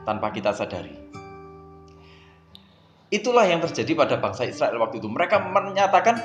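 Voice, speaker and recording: A man preaching a sermon, often turning to address his listeners and swinging between soft and loud emphasis. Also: fairly high pitch. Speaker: pastor. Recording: echoey room with faint guitar music.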